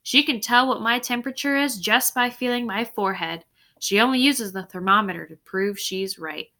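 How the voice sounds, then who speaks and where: Here a woman teacher gives an expressive classroom reading of a story, her mid-range voice sharp in tone and her speed normal. She pauses for teaching asides, checking understanding with tag questions.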